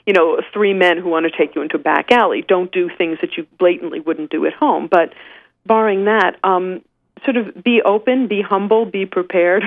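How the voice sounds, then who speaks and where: A woman's voice: lowish voice, moderate pace, dry recording. A woman author with a Canadian accent, chatting as a guest in an interview, self-deprecating and full of restarts. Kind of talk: phone-in interview. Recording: tinny phone line.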